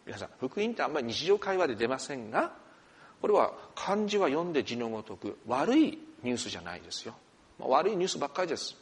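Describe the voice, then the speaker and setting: A man, the senior pastor, leading prayer and preaching a sermon in a church hall, telling stories with animated asides. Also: medium pitch, fast. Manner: expressive storyteller, animated asides.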